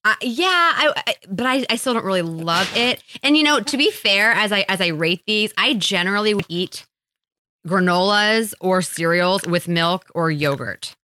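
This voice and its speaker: A woman's voice: mid-range voice, lively intonation, moderate pace, sharp tone. A woman co-hosting a casual podcast chat, giving frank, enthusiastic opinions on products. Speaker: podcast co-host.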